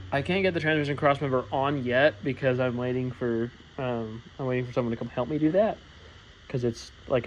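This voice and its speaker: A relaxed man talks through where his car build stands, listing parts and jobs in a loose, meandering way. His voice sits at an ordinary middle pitch, and a faint hum of background noise sits under it. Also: dull audio. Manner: rambling, lots of fillers, easygoing. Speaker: vlogger working on his car. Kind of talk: casual project update.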